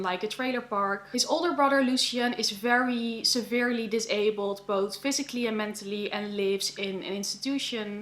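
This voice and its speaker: A young Dutch woman from the Netherlands, with a slightly high, fairly bright voice, offers casual book recommendations to camera as a book vlogger. She's chatty and earnest, thinking aloud with "yeah" and "you know," in an echoey room.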